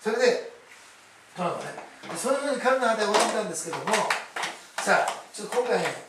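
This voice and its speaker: A man's voice: sits high, animated, fast, very noisy. A middle-aged man, a pastor telling a story in a chatty sermon and often adding "ne". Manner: chatty, laughing asides, tag-question "ne". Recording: echoey hall, distant mic, faint ambience.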